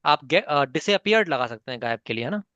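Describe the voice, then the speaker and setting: A man's voice: fairly high pitch, expressive, normal speed, a bit bright, clear, resonant tone, no echo. A man teaches a spoken English class over an online call, patient and encouraging. He calls on learners by name and moves between Hindi and English. The audio is dull and lo-fi with a dry, close sound.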